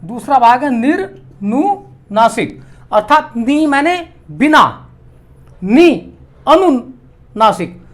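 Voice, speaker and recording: A man teaching a grammar lesson, slowly spelling out and repeating each vowel sound. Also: very high voice, a bit bright.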